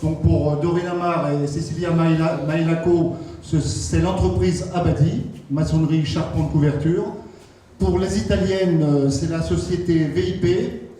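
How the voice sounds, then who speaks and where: A man runs a tournament draw in a chatty, joking way, breaking off into quick asides. His voice is a little high and mellow. He sounds far from the mic in a very echoey hall with faint room noise. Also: steady tone. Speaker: draw announcer.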